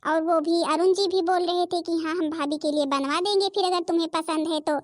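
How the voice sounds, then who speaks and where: Woman doing a cartoon daughter-in-law, young, flustered, pleading, high voice, dry sound. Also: fairly even intonation, brisk, dry recording. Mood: polite.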